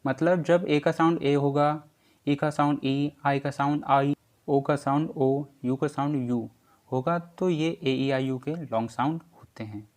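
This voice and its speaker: Slow, patient male teacher. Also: fairly high pitch, steady tone, a little mellow. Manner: slow, patient and repetitive, drawing out letter sounds. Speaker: English pronunciation teacher. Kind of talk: slow spelling lesson explanation.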